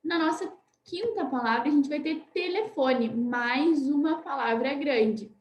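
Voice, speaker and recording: A Brazilian teacher with a high, light voice talks young pupils through a lesson, slowing right down to spell out each word. She keeps checking in with a gentle "né?", and the room around her rings with echo. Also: lo-fi sound. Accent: Brazilian Portuguese. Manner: patient, spells words out slowly, often asks "né?". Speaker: primary school teacher. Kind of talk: recorded online class for children.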